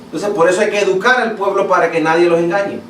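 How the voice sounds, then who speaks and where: A man's voice: high voice, fairly even intonation, quick pace, a bit bright. A Latin American man preaching a sermon as pastor, emphatic and repetitive, often asking his listeners questions. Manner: emphatic, repeats words and asks the congregation questions. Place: church sanctuary. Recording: echoey church hall, voice from a distance, faint room noise.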